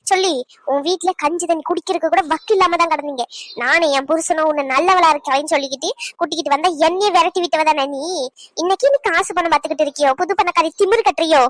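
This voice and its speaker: A woman voicing a proud, sharp-tongued old grandmother in a cartoon, scolding with needling questions. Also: very high voice. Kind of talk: cartoon voice acting.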